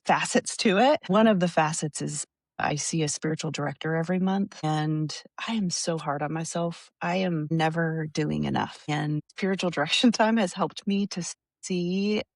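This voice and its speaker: A thoughtful woman guest speaks on a faith podcast, pausing and searching for her words. Her voice is lowish and creaky. The recording is dry and close. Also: no echo. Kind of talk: faith-based podcast conversation.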